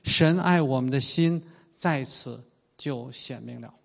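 A man in his fifties preaching a sermon in an earnest way, slowing down and stretching out the key phrases. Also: mid-range voice, gravelly. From China. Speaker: pastor.

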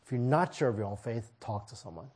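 A man's voice: medium pitch, quick pace, a little mellow, slightly rough. A man preaching a sermon to his congregation in a church, pleading and emphatic, driving points home with repeated phrases. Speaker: pastor.

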